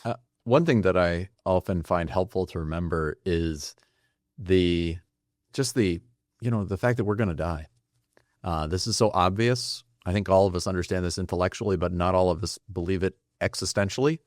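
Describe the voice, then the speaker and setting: A man hosting a talk show, asking searching questions in a halting way with many fillers. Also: sits low, no room sound, clean studio sound. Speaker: podcast host. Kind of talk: interview questions.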